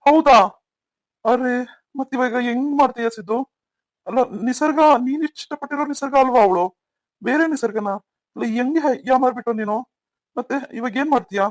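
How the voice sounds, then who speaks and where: A man's voice: sits high, fast talker, no room sound, natural voice. A man voicing a caring young elder brother who consoles and questions his sibling in a cartoon story. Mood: worried. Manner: concerned, soothing.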